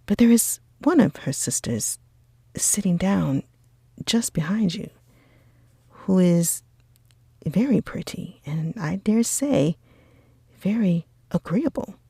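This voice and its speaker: Woman's ASMR role-play of eager, breathy Mister Bingley. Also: lowish voice, lively intonation, takes it slowly, pauses often, warm tone, dry recording, studio quality, full character voice. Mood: enthusiastic. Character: lively, eager, friendly young gentleman.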